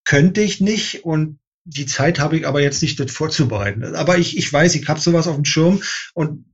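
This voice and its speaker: A man's voice: a little high, moderate pace, breathy edge, dull audio. A man speaking as an interview guest, composer, in casual talk, thoughtful, with many fillers and restarts.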